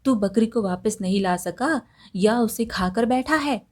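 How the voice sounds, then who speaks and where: A woman's voice: on the high side, unhurried. A woman voicing an old village woman who pleads and scolds over her lost goat, in a storybook reading. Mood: angry. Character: old village woman, fretful and easily angered.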